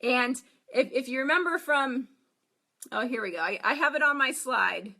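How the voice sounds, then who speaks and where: A woman fitness coach giving an upbeat promotional pitch, repeating herself and checking in with "okay?". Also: animated, moderate pace, sharp tone. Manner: repetitive, upbeat, emphatic with frequent "okay?". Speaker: fitness coach and gym owner.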